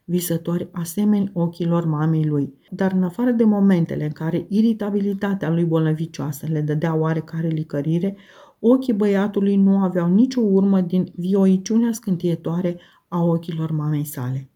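A woman reading a novel aloud in a steady, measured narration. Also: on the low side, lo-fi sound. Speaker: audiobook narrator.

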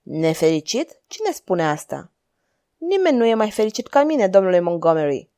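A woman's voice: medium pitch, sing-song, mellow, dry recording, clean studio sound. A woman voicing a scheming male court jester who talks in a sly, teasing way. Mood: pleased.

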